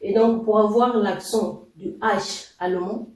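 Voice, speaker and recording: A man teaching a language lesson, explaining slowly and deliberately with pauses and fillers. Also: sits high, steady tone, a little mellow, recorded from a distance. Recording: echoey room, voice off-mic.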